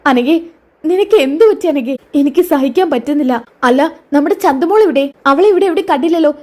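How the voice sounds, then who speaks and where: Woman doing a worried young friend, high voice, pushy pleading questions. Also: expressive, fairly quick, darkish tone. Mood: distressed.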